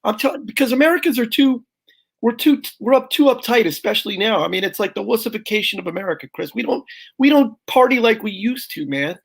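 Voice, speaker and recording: A guest comedian on a video call fires off brash, punchy stand-up jokes, calling the host "brother." His voice is high, creaky and a bit bright, and he talks fast and animatedly.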